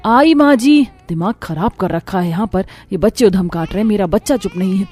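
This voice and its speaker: A woman doing a frazzled cartoon young mom, mellow dark voice. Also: medium pitch, fairly quick, slightly rough, faint music behind, natural voice. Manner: exasperated. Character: frazzled young mother and daughter-in-law.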